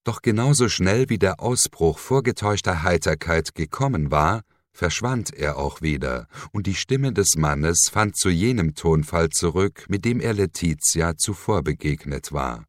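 A man narrating a dark novel as an audiobook, measured and dramatic. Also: low voice, animated, no echo, clean studio sound.

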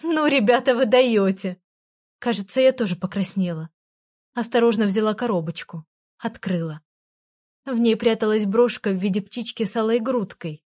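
Expressive woman reading a story. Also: medium pitch, normal speed. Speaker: narrator.

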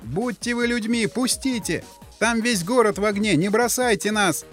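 A man's voice: sits high, normal speed, a bit bright, soft background music, voice pushed up. A man voicing a woman from a panicked crowd who wails and pleads. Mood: desperate wailing. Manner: wailing, pleading.

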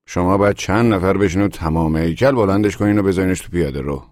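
A man doing a fussy know-it-all gentleman. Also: sits low, no room sound, studio quality, pitched above the performer's own voice, natural voice. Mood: lecturing.

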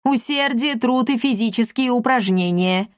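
A woman's voice: a little high, moderate pace, no echo, clean studio sound, voice pushed up, natural voice. A woman voicing a tiny, spiteful old woman who screeches and scolds everyone about her diet. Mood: scolding.

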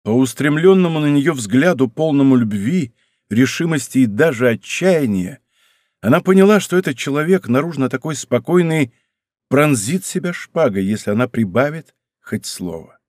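A man narrating a historical novel in a measured, expressive storytelling manner, recorded in a studio. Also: medium pitch, no echo. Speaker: audiobook narrator. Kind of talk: scripted literary narration.

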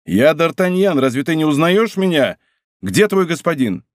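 A man's voice: fairly high pitch, big pitch swings, moderate pace, no echo, clean studio sound, pitched above the performer's own voice. A man doing an agitated young nobleman. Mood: urgent. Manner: urgent, earnest speech.

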